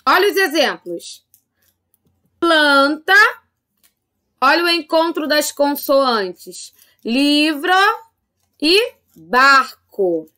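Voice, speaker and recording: Brazilian lady teacher doing a remote lesson for kids, high voice, patient, keeps checking in with the kids. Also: lively intonation, bright, forceful tone. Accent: Brazilian Portuguese. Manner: slow, patient teacher talk with frequent "tá?" check-ins. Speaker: primary school teacher. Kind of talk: recorded remote lesson for children.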